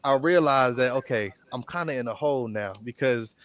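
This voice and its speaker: A man's voice: mid-range voice, moderate pace, fairly bright tone. A man in his thirties chatting casually on a sports podcast, laid-back and full of fillers. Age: 30s. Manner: laid-back, lots of fillers and repeated yeahs. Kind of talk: casual chat.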